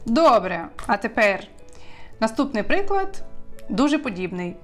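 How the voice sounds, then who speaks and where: Woman teacher running a language lesson, upbeat, asks questions, soft music under it. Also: fairly high pitch. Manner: lively, asks learners questions and drills words slowly.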